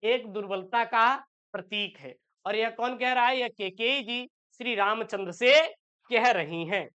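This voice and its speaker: A woman's voice: fairly high pitch, a little slow, fairly bright tone, clear, resonant tone. A woman teaching an exam-prep lesson, explaining a poem line by line and asking and answering her own questions.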